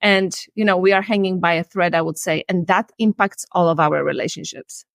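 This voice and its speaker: Her voice is fairly low, steady and gravelly, running a little fast, captured in a dry, clean studio-quality recording. She is a Polish woman in her forties, accented and slightly non-native in phrasing, telling her own story earnestly and reflectively. She works as a life and relationship coach and speaks candidly on a video call from a room in her home.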